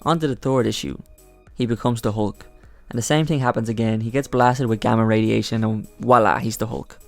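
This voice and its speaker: A man's voice: on the low side, fairly even intonation, fairly quick, vocal fry, soft background music. A man hosting a casual comics commentary vlog, giving blunt, exasperated critique and swearing now and then.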